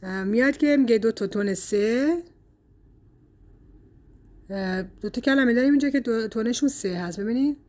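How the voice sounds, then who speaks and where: Higher-voiced woman teaching Chinese tones. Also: a little mellow. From Iran. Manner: explains slowly, with frequent "uh" fillers; drawls example words slowly for pronunciation. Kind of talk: casual language lesson.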